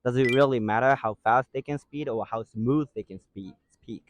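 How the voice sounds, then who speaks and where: A man interviewing people casually, with frequent murmured agreement and animated questions. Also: medium pitch, normal speed, slight background noise. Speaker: street interviewer.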